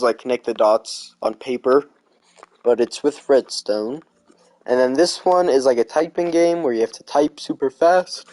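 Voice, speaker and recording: A man's voice: medium pitch, darkish tone, poor audio. A man giving casual gameplay commentary while touring his build. He sounds sleepy and rambles, with lots of fillers like "like" and "um". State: sleepy, yawning. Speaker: video game creator touring his build.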